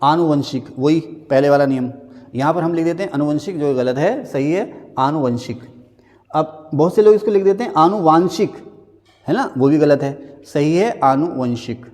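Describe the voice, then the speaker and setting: A man teaching a Hindi spelling lesson, naming each common mistake and then slowly spelling out the correct form. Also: on the high side, dark tone, long reverb tail. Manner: drills words, stating the wrong and the right spelling again and again; slows right down to spell a word out. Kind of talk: classroom-style spelling lesson.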